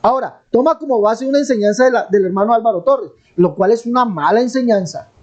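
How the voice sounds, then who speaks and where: A Colombian man with a Colombian accent teaching the Bible in a live online debate, pressing his point and repeating his question insistently. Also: very high-pitched. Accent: Colombian Spanish. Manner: preachy, emphatic, drawn-out stresses.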